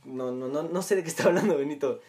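A man's voice: on the high side, fast, a little mellow. Teasing man, faint hiss. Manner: teasing, playful, keeps repeating his friend's name. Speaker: host. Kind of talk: joking casual chat.

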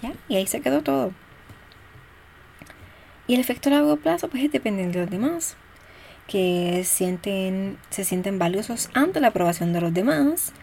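Brief: adult woman, parenting educator, loose conversational delivery, plays out little quotes, mid-pitched voice, faint noise behind. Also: expressive, normal speed, gravelly, pauses often, darkish tone. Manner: conversational, thinks aloud with fillers. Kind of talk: casual spoken talk on parenting.

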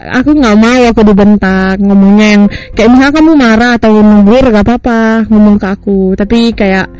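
A woman's voice: mid-range voice, steady tone, a little fast, darkish tone, smooth, faint music behind, low-quality recording. Giggly young woman chatting casually. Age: young adult. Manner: giggly, chatty, frequent laughter. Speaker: podcast host. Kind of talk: casual chat.

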